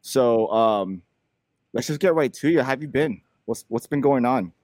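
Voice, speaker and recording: A male podcast host with a slight lisp, rambling chattily with lots of fillers. His pitch swings widely as he talks. The sound is dry and close. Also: animated, moderate pace, darkish tone, no echo. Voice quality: slight lisp from dental aligners. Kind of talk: casual podcast chat.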